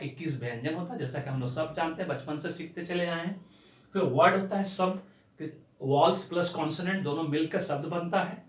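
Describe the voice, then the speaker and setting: A man from India, an English teacher, gives a spoken lesson and spells words out letter by letter. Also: high voice. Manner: explains at a steady pace, spells words out letter by letter. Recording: echoey room.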